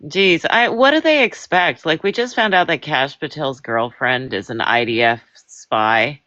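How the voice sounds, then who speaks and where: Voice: medium pitch, animated, unhurried, sharp tone, dull audio. A caller on a casual political panel, talking in a sarcastic, rambling way. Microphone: online audio call.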